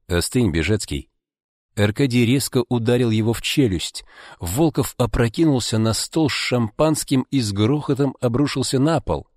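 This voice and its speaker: A man narrating an audiobook in a measured, deliberate, dramatic reading. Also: medium pitch, darkish tone, no echo. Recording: dry close studio sound.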